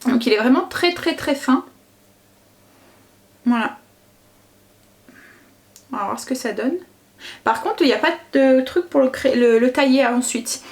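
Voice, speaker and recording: A woman with a somewhat high voice talks casually to her viewers as she does her makeup. She narrates every small step aloud and peppers it with quick little exclamations. She often stops and restarts her sentences. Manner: chatty, narrates each step with little interjections; self-correcting, trails off and restarts often. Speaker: family vlogger and mother. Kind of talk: casual makeup tutorial chat.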